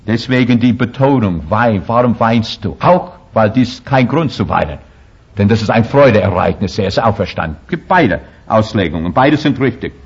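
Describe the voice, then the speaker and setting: A man's voice: fairly low pitch, animated, moderate pace, breathy edge, highs cut off. A man preaching a sermon as pastor, talking emphatically and making frequent slips in his grammar.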